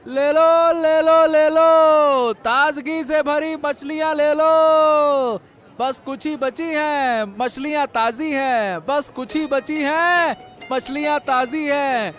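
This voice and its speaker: A man voicing a cheerful, honest village fishmonger in a cartoon, loud and hawking. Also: sits high, very animated, normal speed, faint music behind. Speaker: fish seller. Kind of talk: animated cartoon dialogue.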